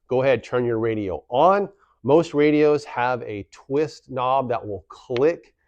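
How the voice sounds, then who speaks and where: A man presents a how-to video for a community association, explaining things plainly step by step and repeating key points for emphasis. His voice is medium-pitched with a darkish tone. The audio is dull, with no echo.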